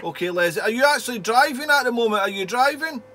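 A man's voice: extremely high pitch, lively intonation, fast talker. A man working as a radio operator, chatting casually and in a friendly way, with call signs and radio jargon. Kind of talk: casual two-way radio contact chat. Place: indoor home radio shack. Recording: radio hiss and hum.

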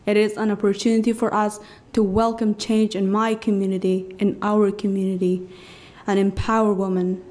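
On a cultural centre stage, a young Afghan woman shares her own story in English through a stand-mounted podium mic. Her mid-range voice is level and a little mellow, and she speaks earnestly and emphatically, pausing after each phrase.

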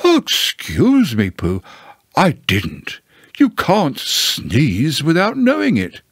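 A man's voice: on the high side, huge pitch swings, breathy edge, no echo, clean studio sound, pitched above the performer's own voice, heavily acted. A man voicing a pompous, long-winded male owl in a storybook, self-important and easily affronted. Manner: pompous, drawn-out delivery of formal phrases. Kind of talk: storybook character voice.

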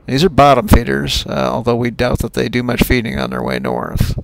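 An older man, a sailing captain, narrates his own trip video in a relaxed, folksy way with some fillers. His mid-range voice has vocal fry and moves at a normal speed, with no echo.

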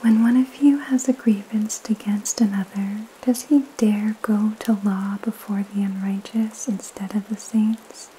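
A young woman whispers in a soothing, breathy ASMR style. Her delivery is slow and very level, gentle and calming, with pauses between phrases. Light rain patters behind her close voice. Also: mid-range voice, slight background noise, low-quality recording. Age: young adult. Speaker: ASMR host reading scripture and praying. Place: small indoor room at home. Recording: steady rain sound behind the voice.

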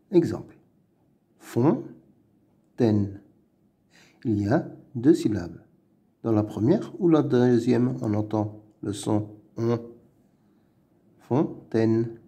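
A man slowly reading words aloud in a children's phonics lesson, repeating each word carefully. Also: medium pitch, mellow, breathy edge. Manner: slow, deliberate, repeating each word syllable by syllable. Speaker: reading teacher.

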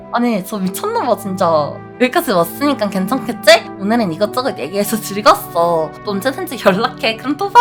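A woman's voice: fairly high pitch, fairly bright tone. A woman streamer playing a horror game, reading lines aloud and swearing and shrieking when startled. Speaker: VTuber streamer. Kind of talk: horror game let's play with reading out dialogue.

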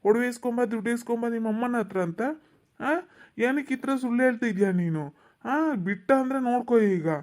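A woman's voice: a little high, brisk, a little mellow, close to an everyday voice. Pleading young husband in a cartoon, voiced by a woman. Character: young husband in trouble, son.

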